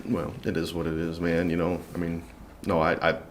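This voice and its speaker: A man's voice: low voice, monotone, moderate pace, a little hiss or hum. A man talking as a podcast guest, laid-back and rambling in casual chat.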